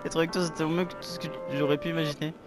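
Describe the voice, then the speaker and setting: A man's voice: a little high, little pitch movement, rapid-fire, voice pushed up, close to an everyday voice. A man reading as Yuri, an obsessive teenage girl. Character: obsessive, clingy teenage girl, intense and soft-spoken. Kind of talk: reading game dialogue aloud. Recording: game music playing behind.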